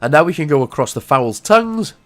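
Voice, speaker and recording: A man's voice: a little high, brisk. A man, ill with a cough, giving a casual, jokey commentary over a game walkthrough. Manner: jokey, animated, self-mocking asides.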